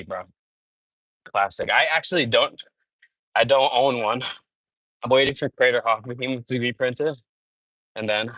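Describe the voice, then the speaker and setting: Sweating as he walks on a treadmill during a live stream, a mid-range-voiced man tells animated, casual stories full of "bro" and "dude." The recording is dry and low quality.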